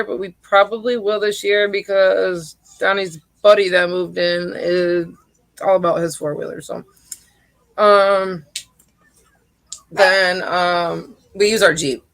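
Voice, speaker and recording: A woman's voice: medium pitch, steady tone, unhurried, vocal fry, dry recording. A woman chatting casually and bluntly on a livestream from home, rambling between topics. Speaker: livestream co-host. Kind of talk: casual chat.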